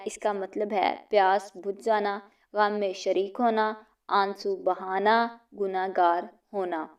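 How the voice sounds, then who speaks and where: A woman's voice: medium pitch, a little mellow, far from the mic. A woman teacher reading multiple-choice questions for exam prep, each followed by its answer. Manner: reads each question and options, then states the answer.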